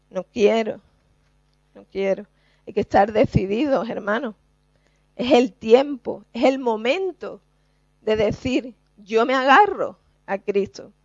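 A woman's voice: mid-range voice, a little mellow, no echo, highs cut off. A woman preacher giving an earnest, emphatic sermon to her congregation. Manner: earnest, slow and emphatic, addresses the congregation directly.

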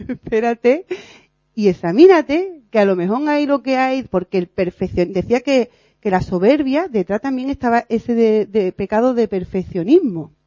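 A woman giving an informal sermon at a prayer meeting, earnest and animated, sometimes laughing at herself. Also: fairly high pitch, normal speed, dry recording. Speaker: lay preacher in a prayer meeting. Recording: dull lo-fi recording.

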